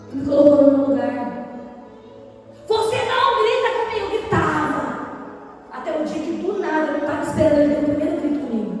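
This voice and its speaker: A young woman speaking at a church meeting for married women, telling stories and acting out shouted quotes. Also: sits high. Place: church hall. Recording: distant mic in echoing hall, faint music.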